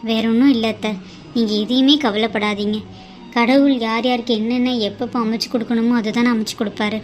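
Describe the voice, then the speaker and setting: A woman voicing a humble, dutiful young bride in a cartoon drama, speaking in a soft, reassuring way. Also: a little high, fairly even intonation, fairly quick, faint music behind, close to an everyday voice. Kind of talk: cartoon voice acting.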